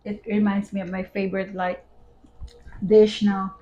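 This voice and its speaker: A woman chatting casually with her husband over a meal at home, laughing often, with her voice trailing off softly at the ends of phrases. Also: medium pitch, flat delivery, unhurried, highs cut off. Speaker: wife and vlog co-host. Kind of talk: casual mukbang chat while eating.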